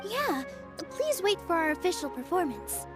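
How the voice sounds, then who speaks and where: A woman voicing a sweet, gentle young female dancer who speaks softly and politely. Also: extremely high pitch, very animated, moderate pace, loud music behind the voice. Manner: soft, polite, earnest. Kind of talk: game voice acting.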